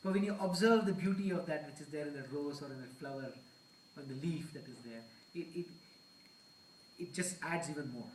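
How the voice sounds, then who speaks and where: A man's voice: fairly high pitch, fairly quick, slight background noise. Man preaching in an echoey hall. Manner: earnest, mixes Hindi phrases into English. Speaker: temple speaker. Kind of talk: discourse at a temple. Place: temple hall. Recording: echoey hall, mic far off.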